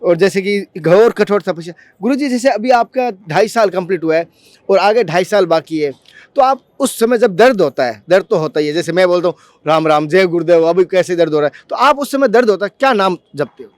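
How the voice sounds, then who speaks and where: A man with a high, light voice hosts a devotional vlog. He speaks earnestly and fervently and keeps circling back to the same points. The sound is close and dry, with no room echo. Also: lively intonation, brisk. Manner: fervent, repetitive, addresses viewers as friends. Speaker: devotional vlogger and interviewer.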